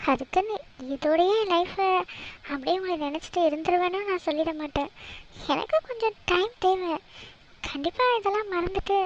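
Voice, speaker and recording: A woman voicing a heartbroken, kind young woman in a cartoon drama, gentle and resigned. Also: very high-pitched, slight background noise. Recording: dull lo-fi recording.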